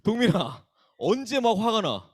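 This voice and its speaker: Lively young man teasing a youth group. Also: sits high, measured pace, breathy edge. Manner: bantering, teasing, calls on listeners by name. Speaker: youth pastor. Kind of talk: casual sermon opening with audience questions. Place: church worship hall.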